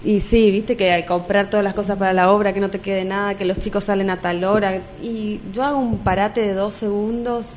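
A woman's voice: medium pitch, level tone, a little fast, hardly any pauses, darkish tone, a little hiss or hum. A woman with an Argentine accent, a mother sharing her personal experience in an open, earnest conversational way. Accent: Argentine Spanish.

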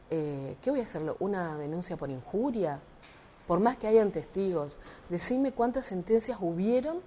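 In a lowish, mellow voice with a little hiss or hum in the audio, a middle-aged Argentine lawyer and party representative recounts an incident to an interviewer. She's indignant and emphatic, acting out quoted lines in rioplatense voseo Spanish.

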